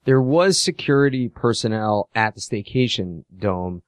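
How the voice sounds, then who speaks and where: A man's voice: lowish voice, lively intonation, a little slow, no room sound, clean studio sound. A man playing a tabletop role-playing game, asking earnest questions. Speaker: player.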